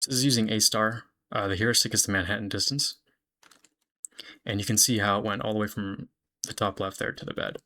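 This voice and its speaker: A young man casually walking through a software demo of his own project, explaining in a relaxed, chatty way with fillers and self-corrections. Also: lowish voice, a little fast.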